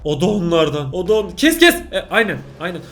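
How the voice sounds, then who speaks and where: A young man reacting to scary videos, jumpy and swearing, pleading out loud with what he sees on screen. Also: high-pitched, big pitch swings, fairly quick. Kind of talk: casual reaction commentary.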